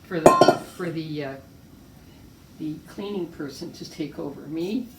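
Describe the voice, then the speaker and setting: A woman's voice: deep voice, measured pace. An older woman co-hosting a homemade cooking video, chatting casually and gushing over the food as she tastes it. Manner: gushing, savoring the food aloud. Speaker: co-host of a home cooking video. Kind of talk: casual cooking demo chat. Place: room in a retirement community home. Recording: echoey room, voice from far off, faint hiss.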